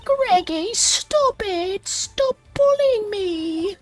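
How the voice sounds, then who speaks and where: A woman's voice: extremely high pitch, lively intonation, drawn-out words, exaggerated voice. A woman voicing a girlish, wheedling confectioner in a game, pleading in a cutesy, melodramatic way.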